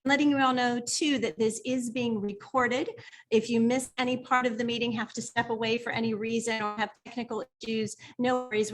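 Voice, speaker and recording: A woman's voice: on the high side, a bit bright. A woman hosting an online membership meeting over a video call, upbeat and cheerful as she welcomes everyone. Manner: upbeat, cheerful emcee, counting down. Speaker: board president hosting meeting.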